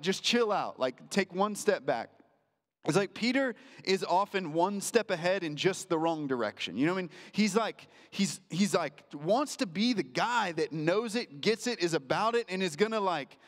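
A man's voice: high voice, fairly bright tone, in a large hall. A man preaching as a pastor in a casual, conversational way, full of fillers and restarts. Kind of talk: sermon.

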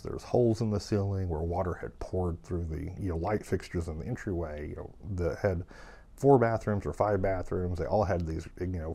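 A man who runs an estate sale business, telling a long anecdote in a casual, animated way with plenty of fillers. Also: deep voice, vocal fry, husky. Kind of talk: casual storytelling.

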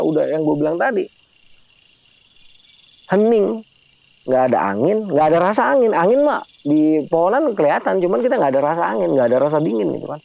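A man tells a spooky mountain story in loose street slang, turning to his listener by name every few phrases. His voice sits a little high but comes through gravelly and mellow. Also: dry recording. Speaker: storyteller guest. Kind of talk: casual spoken horror story.

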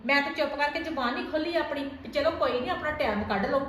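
A woman's voice: high voice, fast talker, fairly bright tone, a little hiss or hum. A woman playing a young wife who argues back at her mother-in-law in an amateur family drama skit. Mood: defiant. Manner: pleading, then argumentative. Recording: very echoey room, from far off.

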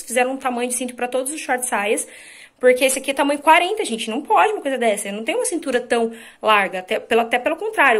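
A woman in her thirties from Brazil, a fashion vlogger chatting casually about her shopping haul in a small room at home. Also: high voice. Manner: chatty, lively, showing clothes to viewers. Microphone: camera at a short distance, then phone held at a mirror.

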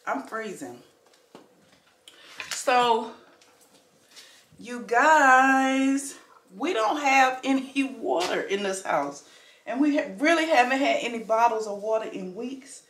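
A woman chats casually into her phone camera, greeting her viewers like family. She speaks slowly and easily. The recording has a roomy echo with a faint hum of background noise. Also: fairly high pitch. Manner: chatty, relaxed, addresses viewers as family and y'all. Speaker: vlogger. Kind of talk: casual vlog chat to camera.

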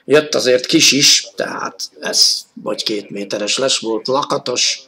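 A man works as an excited live football commentator on 1980s television. His voice is forceful and bright, with a gravelly creak at mid pitch. He lifts toward shouts when the play heats up. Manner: excited, rising to shouts at key moments. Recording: old 1980s TV sports broadcast audio.

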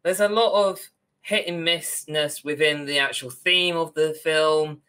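Calling in by video from a small room at home, a young man co-hosting a podcast gives a casual, wry, opinionated critique. He speaks unhurriedly in a slightly high voice that is pushed and bright, with a clean tone.

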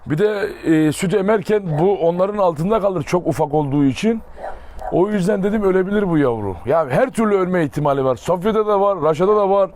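A man's voice: high-pitched, fairly quick, darkish tone, a little hiss or hum. A man talking casually to viewers while coaxing and praising his dogs by the pens. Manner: coaxing, affectionate commands to dogs. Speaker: dog breeder vlogger.

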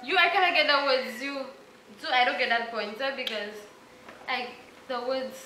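A woman's voice: sits high, moderate pace, pushed and bright. A woman playing a casual song association game as a guest, playfully singing snippets. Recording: echoey room with faint noise.

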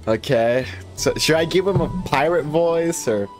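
A man's voice: on the high side, a little slow, faint music behind. Male streamer, casual gamer talk, self-mocking. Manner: chatty, self-mocking asides. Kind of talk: casual game commentary.

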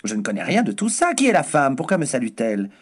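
A haughty aristocratic duchess, sharp-tongued and mocking, as a male reader puts her on. Her voice leaps high and swoops with imperious disdain. Every word is clipped and theatrical. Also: wildly swooping pitch, quick pace. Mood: disdainful.

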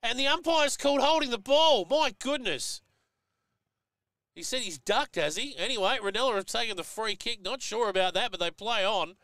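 Aussie guy commentating footy, bright crisp voice, folksy, close dry mic. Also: very high-pitched, lively intonation, normal speed, no echo. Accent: Australian. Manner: chatty, folksy, jumps up sharply at big hits. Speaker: football commentator. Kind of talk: live commentary with analysis.

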